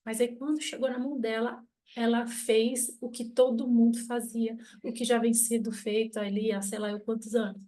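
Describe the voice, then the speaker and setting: A woman's voice: on the high side, moderate pace, few pauses. A middle-aged woman giving a casual spoken lesson, blunt and self-mocking, acting out the people in her stories. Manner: animated storytelling, acting out quoted people. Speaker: family constellation teacher.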